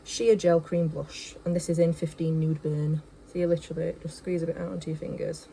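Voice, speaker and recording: A young Yorkshire woman vlogs casually to her phone camera at home, moving from the kitchen to the bedroom, rambling with plenty of fillers and joking at her own expense. Her voice sits low and level, brisk, creaky and mellow. The rough recording carries a little hiss or hum.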